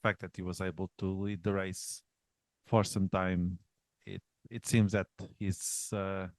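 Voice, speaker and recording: A man on a racing review panel, speaking haltingly in casual chat with frequent uhs and ums. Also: low voice, level tone, no room sound. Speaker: panel pundit.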